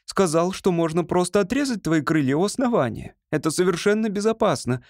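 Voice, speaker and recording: A man's voice: high-pitched, animated, brisk, darkish tone, dry recording, studio quality, voice pushed up. A man voicing a young woman who pleads emotionally with her beloved in an audiobook reading. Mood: pleading.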